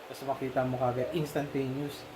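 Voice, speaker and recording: Talking fast over a noisy background, a Filipino-accented man discusses a film casually in a medium-pitched, level voice. He hesitates, restarts often, mixes languages, and uses many fillers.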